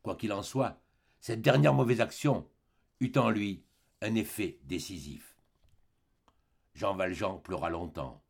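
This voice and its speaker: A man reading a classic novel aloud as an audiobook narrator, with an expressive, dramatic delivery. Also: fairly low pitch, slow, gravelly, pauses often, slightly rough. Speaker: audiobook reader. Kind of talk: scripted narration.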